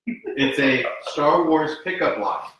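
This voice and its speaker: A man's voice: fairly high pitch, slow, a bit bright. A man hosting a podcast, chatting casually and easygoing. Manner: easygoing, laughs readily. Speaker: podcast host. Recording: echoey room, distant mic, faint noise.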